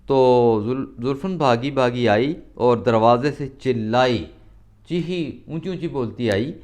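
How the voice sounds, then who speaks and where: A man's voice: mid-range voice, darkish tone. A male teacher reading a story aloud and retelling each line in plainer words, often repeating himself. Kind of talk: reading and explaining a story lesson.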